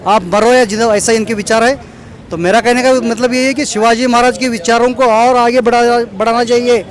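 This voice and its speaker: A man being interviewed outdoors at a celebration, talking earnestly and repeating his points, with English words mixed into his speech. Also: very high-pitched. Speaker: local organizer interviewed at a celebration. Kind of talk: informal street interview.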